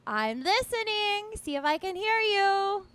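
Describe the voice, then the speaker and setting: A woman voicing a cheerful, playful young otter who giggles and gets excited. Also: very high voice, full character voice. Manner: giggly, excited, slow-spoken. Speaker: puppet otter character.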